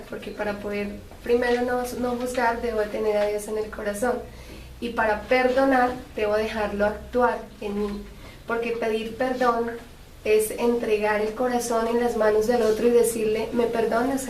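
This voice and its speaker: A woman with a slightly high voice, reflecting calmly in a church group discussion. She explains her points at an unhurried pace. The room is echoey, and she is recorded from a distance with a little background noise. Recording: echoey room, mic far off, faint noise.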